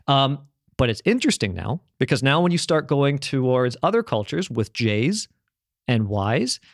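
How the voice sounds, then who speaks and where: Very animated yet at a normal speed, a mid-range male voice goes on eagerly about language history in casual talk, full of restarts and the occasional swear. His first language is English, with French also spoken in his childhood home. The audio is studio quality, with no room sound.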